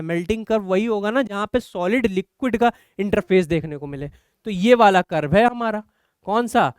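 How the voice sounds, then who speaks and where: A man's voice: high-pitched, smooth, dry recording, studio quality. A man teaching chemistry, encouraging and explaining step by step with rhetorical questions. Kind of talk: online exam-prep lecture.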